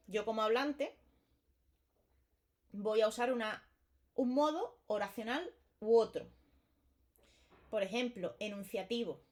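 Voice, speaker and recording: A woman's voice: mid-range voice, a little mellow. Woman explaining grammar casually, lots of examples, keeps asking vale. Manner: chatty, explains with repeated examples and checks with "vale". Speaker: teacher. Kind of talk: casual exam-prep lesson.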